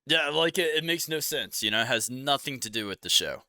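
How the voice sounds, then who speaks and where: A young man from Cincinnati co-hosting a podcast, chatting casually and telling rambling, animated stories. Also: medium pitch, brisk, no room sound, clean studio sound. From Cincinnati, Ohio. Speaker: podcast co-host. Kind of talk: casual chat.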